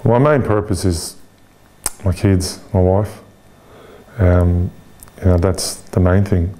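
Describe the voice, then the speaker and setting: The interviewee is an Irish-accented man from Ireland, in his forties, whose low-pitched voice stays steady and warm. He reflects openly on things, often pausing, adding fillers, and beginning sentences over.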